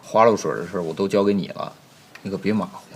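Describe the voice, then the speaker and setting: An actor playing a flustered young master of a household in a comedic period TV drama, scolding and coaxing by turns in an exasperated way. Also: male voice, sits low, fast talker, slightly rough. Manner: exasperated, scolding, jumps between coaxing and alarm. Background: background music.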